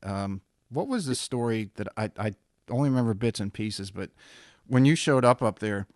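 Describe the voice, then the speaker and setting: A man's voice: on the low side, expressive, normal speed, darkish tone, no echo, clean studio sound. A man hosting a podcast, asking rambling, searching questions in a casual interview. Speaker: podcast host.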